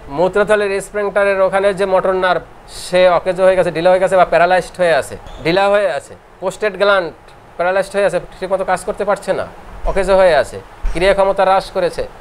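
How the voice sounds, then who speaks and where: Man lecturing in a higher voice. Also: a little hiss or hum. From Bangladesh. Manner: repetitive, explanatory, with slow sing-song recitation of verses. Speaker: homeopathy lecturer. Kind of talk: classroom lecture.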